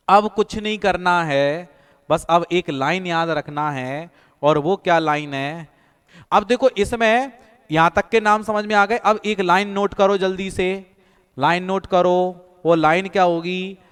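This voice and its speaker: A man's voice: high voice, steady tone, slow, a bit bright, smooth. A male coaching teacher giving an online exam-prep lesson, using stories and repetitive memory drills. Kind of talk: online class lecture. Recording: echoey room with long reverb.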